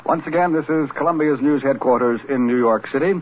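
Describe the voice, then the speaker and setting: A man's voice: medium pitch, a little fast, slight background noise. A man anchoring live wartime radio news coverage, reading wire bulletins with brief hesitant asides, heard as an old 1940s radio newsreel. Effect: old 1940s radio newsreel sound. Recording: tinny lo-fi 1940s radio broadcast.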